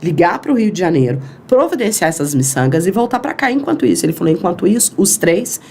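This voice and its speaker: A Brazilian woman on a podcast recounts a long tale at a quick pace, her lowish voice a bit creaky. She's animated and acts out the dialogue she quotes, and there's slight background noise.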